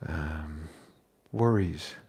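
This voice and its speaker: A man in his forties, a fitness vlogger talking in a casual, unhurried way from his kitchen, pausing often with fillers. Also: a bass voice, dark tone, slightly rough. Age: 40s. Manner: unhurried, reflective, pauses with fillers. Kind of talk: casual chat. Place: home kitchen.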